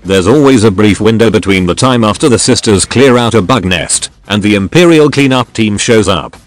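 A man's voice: fairly low pitch, expressive, normal speed. A man reading informal first-person stories aloud as a scripted dramatic narration. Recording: music behind the voice. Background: music.

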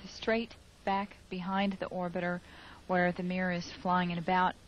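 A woman giving live spaceflight commentary over a mission control broadcast, measured and halting with fillers. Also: fairly low pitch, flat delivery. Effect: radio-style mission control broadcast. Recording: dull lo-fi broadcast with faint hiss.

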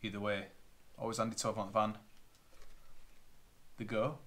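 Here the same kind of chatty Northern English plumber has a lowish, slightly bright male voice, keeping a level tone and moderate pace. Seated at a table in his living room before a tripod-mounted camera, he matter-of-factly lists boiler parts for a casual unboxing vlog while plastic bags crinkle nearby.

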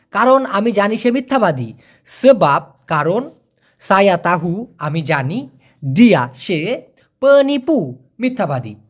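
A Malay teacher gives a video lesson. The teacher says foreign phrases very slowly, repeats them, and keeps coaxing viewers with please and brother. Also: mid-range voice.

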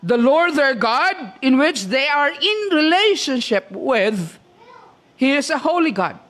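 Filipino male preacher, high-pitched, slow and measured sermon delivery. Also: big pitch swings, pushed and bright. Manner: slow, deliberate preaching with frequent "okay?" check-ins.

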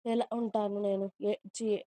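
A woman telling a first-person romantic story in a gentle, emotional, confiding way. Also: medium pitch, level tone, measured pace, smooth, no echo.

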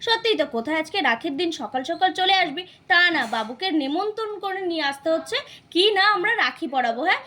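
A woman playing a shrill, fussing elder sister. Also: sing-song, bright, forceful tone, heavily acted. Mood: scolding. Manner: scolding, complaining, rapid. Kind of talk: doll puppet show acting.

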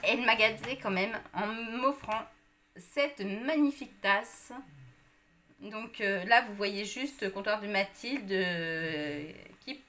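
A woman's voice: mid-range voice, slow, sharp tone, a little hiss or hum. A woman chatting casually to viewers about a shopping haul, with many fillers. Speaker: vlogger.

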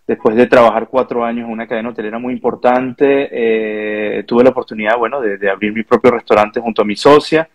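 A Venezuelan chef and restaurant owner in his thirties, with a Venezuelan Spanish accent, speaks earnestly and thoughtfully in a video call interview, often restarting and ending sentences with a questioning "¿no?". His medium-pitched voice is fairly even, a little fast, and hardly pauses. He is indoors in a home or office room with pictures on the wall, and the earbud audio sounds lo-fi.

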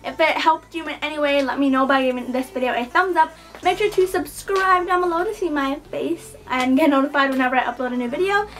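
A woman's voice: high voice, fairly quick, fairly bright tone. A young woman vlogger chatting casually to camera, with a slight lisp from wearing a retainer. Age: teens to young adult. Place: small bedroom indoors.

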